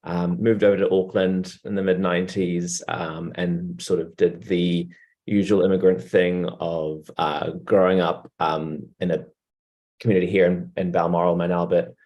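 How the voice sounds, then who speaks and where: A man's voice: sits low, level tone, moderate pace, mellow, muffled recording. A man, a lawyer and writer, introducing himself casually and modestly with many fillers. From Iraq, raised in New Zealand.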